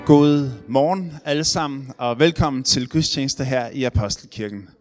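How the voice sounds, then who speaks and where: Man saying good morning to the congregation, mid-pitched, relaxed, a few uhs. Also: music in the background. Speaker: pastor welcoming the congregation. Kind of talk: service welcome. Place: church.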